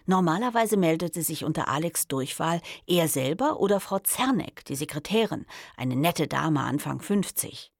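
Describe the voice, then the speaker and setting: A woman reads a novel in the first person. Her tone is wry and expressive. Her voice is low and gravelly and moves a lot in pitch. The studio sound is close and dry. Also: moderate pace, few pauses, dry recording. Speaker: audiobook narrator.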